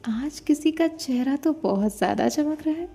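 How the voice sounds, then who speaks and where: A woman's voice: high voice, expressive, moderate pace, creaky, dark tone. A woman voicing a bossy, nosy sister-in-law who interrogates and scolds with affection, in an audio love story. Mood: interrogating. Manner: interrogating, mock-stern, scolding.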